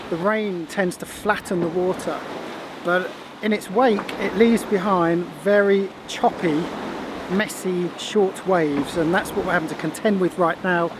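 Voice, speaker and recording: A man giving a casual, explanatory sailing vlog in an understated way. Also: high-pitched. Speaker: sailing vlogger. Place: aboard a sailing boat at sea. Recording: noisy boat with engine and water.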